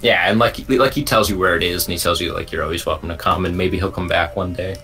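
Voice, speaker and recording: A man narrating as game master of an online tabletop game, in a relaxed, rambling way with many fillers. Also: low-pitched, fast, faint music behind.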